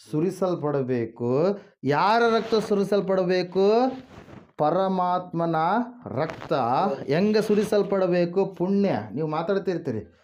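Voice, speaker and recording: A man's voice: high voice, a little mellow, dull audio, a little hiss or hum. A man preaching a sermon who keeps asking the congregation questions, answering them himself and calling out hallelujah and praise the Lord. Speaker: pastor.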